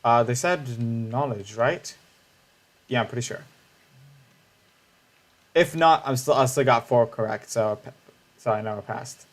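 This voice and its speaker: Man, game livestreamer, casual chat, reacting to chat, frequent restarts, mid pitch. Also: unhurried, pauses often. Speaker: streamer.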